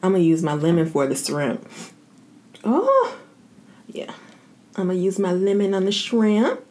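A woman chats casually as a mukbang host, savoring her food and talking between bites with drawn-out mms. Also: mid-range voice, sing-song, a little mellow, a little hiss or hum. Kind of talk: casual eating chat. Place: indoor home setup with plain backdrop.

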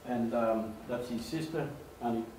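Unhurried and mid-range in voice, an older Australian man gives an animated storytelling talk with slides at a meeting-room lectern, gesturing and acting out quoted voices. A far camera records the echoey space, with faint ambience and slight background noise behind him.

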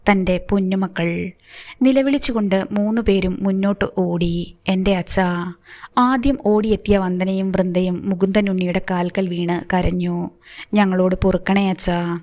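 Audiobook narrator: a woman, middle pitch, measured and expressive delivery. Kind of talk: scripted story narration.

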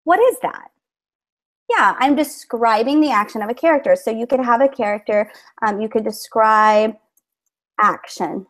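Presenting over video to fellow teachers with a shared screen, a woman explains her methods in a friendly, filler-heavy way. She speaks at normal speed in a slightly high, fairly bright voice.

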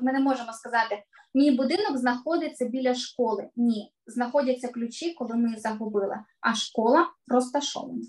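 A middle-aged woman, a voice coach, teaching children in an online lesson with clear, emphatic delivery that stresses key words. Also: high voice, a little mellow.

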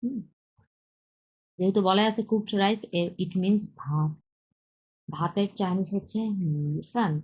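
A woman teaches a beginner Chinese lesson, repeating words slowly and mixing in English terms. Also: medium pitch, a little mellow, breathy edge, poor audio. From Bangladesh. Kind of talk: slow explanatory lesson with drilled pronunciation.

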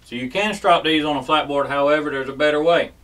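A man's voice: on the high side, quick pace, distant mic, noisy background. A man hosting a casual how-to demonstration, folksy and often checking in with "okay?". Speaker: host. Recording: voice set back from the mic.

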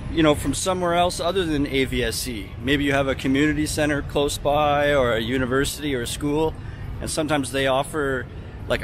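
A man in his thirties talking casually to a camera held at arm's length while walking through a city park. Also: on the high side. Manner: casual, chatty, explanatory. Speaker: travel vlogger and English teacher. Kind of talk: walking vlog talk to camera. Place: outdoors in a city park and temple grounds. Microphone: handheld camera at arm's length. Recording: outdoor city noise behind. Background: traffic and city ambience.

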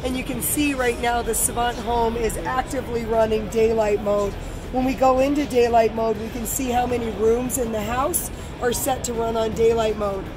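A middle-aged woman giving a trade show product pitch, explaining it step by step as a demonstrator. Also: steady tone, normal speed, poor audio. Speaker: company representative demonstrating a product. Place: large busy trade show hall booth. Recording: busy crowd noise and music behind.

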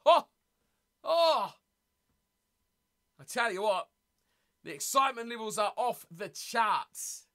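A New Zealand man hosts a rugby watch-party stream, reading chat aloud, teasing viewers, and laughing often. His voice sits high and is bright, forceful, and very animated, yet he speaks at a slow pace with frequent pauses.

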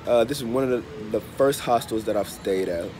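A man in his thirties with a congested, stuffy nose, under the weather, chatting casually to his phone as a travel vlogger, unhurried and repeating phrases. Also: lowish voice, a little mellow. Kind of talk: casual chat to camera. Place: open-fronted hostel bar or cafe. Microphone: phone held at arm's length. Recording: noisy open-air cafe with traffic. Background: street and vehicle ambience.

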